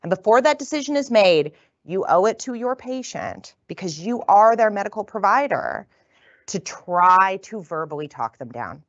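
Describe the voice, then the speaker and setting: Fast-talking woman giving a lecture. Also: medium pitch, sing-song, no echo, highs cut off. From northern United States. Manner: quick, conversational, tags lines with "right?". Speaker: physician lecturer. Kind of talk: continuing-education lecture. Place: lecture room.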